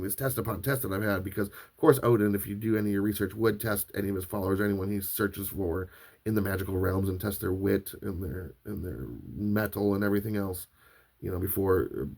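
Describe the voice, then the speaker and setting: A man's voice: sits low, darkish tone. A man hosting a podcast, telling a long personal story in a loose, rambling way with frequent restarts and filler words. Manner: rambling, restarts often, many fillers like "like" and "right". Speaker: podcast host. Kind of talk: casual storytelling monologue.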